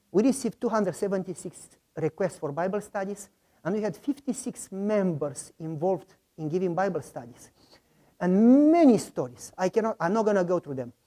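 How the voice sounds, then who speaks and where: A man's voice: high voice, warm tone. A pastor preaching to his congregation in a storytelling way. This man acts out each quoted line with dramatic flair. His English has small grammar slips, as from a speaker who is not native. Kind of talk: sermon storytelling.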